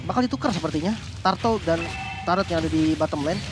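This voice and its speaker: A man commentating as an esports caster, animated and informal, breaking down the play. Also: a little high, quick pace. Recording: music behind the voice.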